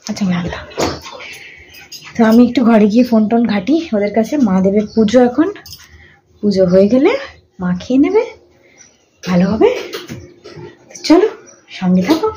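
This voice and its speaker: A young woman filming a home vlog, speaking softly so as not to wake her sleeping children, and slipping into sing-song baby talk with them. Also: on the high side, lively intonation, moderate pace, pauses often, roomy sound, lo-fi sound, slight background noise. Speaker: vlogger and mother.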